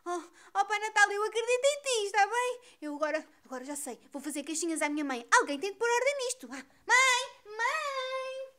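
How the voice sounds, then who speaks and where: A woman's voice: extremely high pitch, lively intonation, quick pace, few pauses, a bit bright. A woman voicing a whiny, tearful little girl in a puppet show. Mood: upset. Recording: noisy background.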